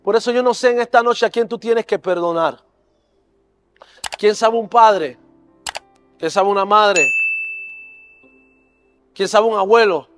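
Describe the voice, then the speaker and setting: A man's voice: high voice, a little slow, pauses often, fairly bright tone, soft background music. A man preaching at a church service, telling an emotional personal testimony in an earnest, fervent way. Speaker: preacher and youth leader. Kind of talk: sermon testimony.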